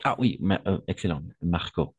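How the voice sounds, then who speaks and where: A man's voice: low voice, lively intonation, moderate pace, husky, no room sound, highs cut off. A man teaching French in an online lesson, patiently repeating words and correcting pronunciation.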